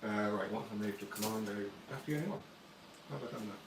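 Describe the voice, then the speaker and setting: A man's voice: lowish voice, quick pace, vocal fry. A man playing a tabletop wargame on a stream, answering briefly and thinking aloud about his moves. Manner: brief replies, thinks aloud while moving pieces. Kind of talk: casual game chat. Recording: roomy sound, distant mic, loud background noise.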